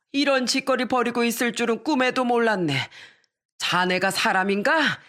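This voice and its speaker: A woman's voice: mid-range voice, fairly bright tone, close to an everyday voice. A woman voicing a furious elderly grandmother who scolds her son-in-law bluntly. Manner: scolding, blunt old-fashioned speech.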